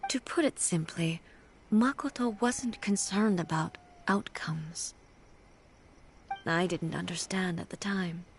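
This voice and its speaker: An actress voicing a composed, solemn immortal female ruler in an anime fantasy game, formal, measured and reflective. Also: lowish voice, slight background noise.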